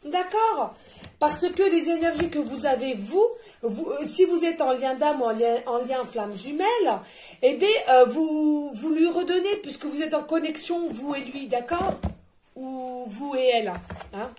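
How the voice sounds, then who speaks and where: A woman's voice: sits high, expressive, unhurried, dark tone, slight background noise. A woman giving a channeled card reading, effusive and chatty, talking straight to her viewers. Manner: addresses listeners directly and often. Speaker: tarot and oracle card reader.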